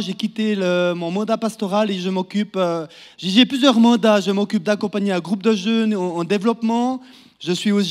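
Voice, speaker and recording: In a church hall, a guest preacher in his thirties from Neuchâtel, Switzerland, with a Neuchâtel Swiss French accent, introduces his sermon to the congregation. His voice is high-pitched and a little mellow, and his friendly, down-to-earth manner includes putting questions to the crowd.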